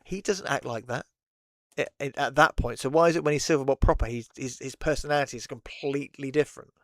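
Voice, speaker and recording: A man's voice: medium pitch, fast, no echo, clean studio sound. A man hosting a casual chat, rambling and laughing often between thoughts. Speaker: host.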